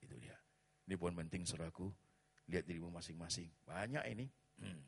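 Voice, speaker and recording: Casting: middle-aged male preacher, very low husky voice, dramatic swings in volume. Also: a little fast, in a large hall. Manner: acts out congregants' complaints in high strained voices, mixing English phrases; swings from quiet to loud. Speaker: pastor. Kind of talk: sermon.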